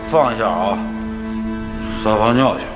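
A man's voice: fairly low pitch, unhurried, close to an everyday voice. An actor playing a casual man drinking and taking a call in a TV drama. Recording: echoey hall with loud music.

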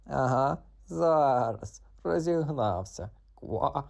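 A man voicing a cheeky, talkative little male frog who croaks between his words in a children's audiobook. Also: mid-range voice, expressive, slow pace, darkish tone, voice pushed up. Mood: mocking.

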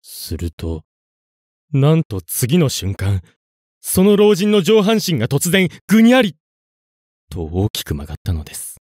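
A man narrating a scripted ghost story in a suspenseful, dramatic way, with deliberate pauses. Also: a little high, wildly swooping pitch, darkish tone, no room sound, clean studio sound.

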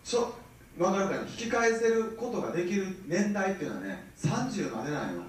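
Lively Kansai man lecturing a meeting. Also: high voice, fairly quick. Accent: Kansai Japanese. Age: 30s. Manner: animated, keeps checking the audience with rhetorical questions. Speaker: business seminar speaker. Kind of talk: motivational seminar talk. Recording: very echoey, mic far from speaker.

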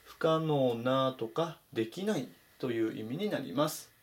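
A man teaching English vocabulary in Japanese, saying each word slowly and clearly in a voice-over lesson. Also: mid-range voice, expressive. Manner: slow, careful spelled-out pronunciation of English words.

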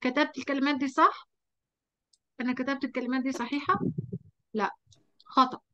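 A woman with an Egyptian Arabic accent, teaching a lesson at a whiteboard, quizzing her pupil and drawing out example words slowly. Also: high voice, steady tone, pushed and bright, muffled recording.

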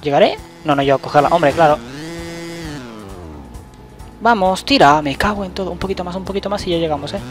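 A young man, giving loose, excitable let's-play commentary and swearing at the game. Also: sits high, fairly quick, pauses often, soft background music. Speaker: gaming channel host.

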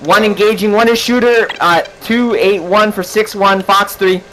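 A man's voice: high voice, steady tone, normal speed, bright, forceful tone, slight background noise, low-quality recording. A man talking like a hotshot pilot, giving clipped military brevity calls as element leader in a flight sim game. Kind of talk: military radio brevity calls during gameplay. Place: online voice chat over a flight simulator.

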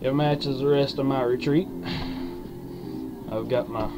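A man's voice: mid-range voice, steady tone, poor audio. Young man talking around lipped dip. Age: young adult. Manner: talks with a lip full of dip; folksy, drawn-out hesitant delivery. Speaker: dip review vlogger. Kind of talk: casual rambling chat to camera. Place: small wood-panelled room indoors. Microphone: webcam mic at arm's length. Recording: country music playing behind the voice. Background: country music.

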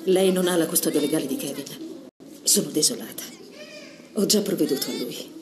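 An actress playing a composed, apologetic social worker in a naturalistic film drama. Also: female voice, deep voice, a little fast, lightly acted. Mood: regretful. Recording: clear background ambience noise.

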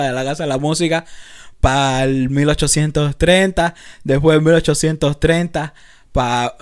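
A young man from Cuba with a Havana accent, telling lively anecdotes on a casual podcast with lots of street slang. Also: on the high side. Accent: Cuban, Havana. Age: young adult. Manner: animated anecdotes with frequent laughter and street slang. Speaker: podcast co-host. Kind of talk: casual chat, storytelling.

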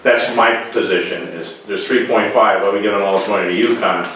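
Recorded from far off by a camera in a very echoey room with a noisy background, this man speaks a little fast in a fairly low, fairly even voice. As first selectman, he holds forth bluntly at a meeting table on town matters, opinionated and going on in runs.

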